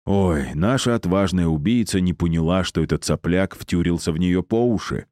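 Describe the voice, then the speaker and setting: A man's voice: low-pitched, expressive, normal speed, warm tone, dry recording, studio quality. A man voicing an arrogant, cruel male necromancer who mocks and insults his captives. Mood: mocking. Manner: mocking, condescending, insulting.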